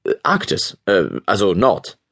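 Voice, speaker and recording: A man's voice: lowish voice, sing-song, measured pace, a bit bright, pitched below the performer's own voice, exaggerated voice. A man playing an easygoing young agent in his twenties, hesitant with fillers.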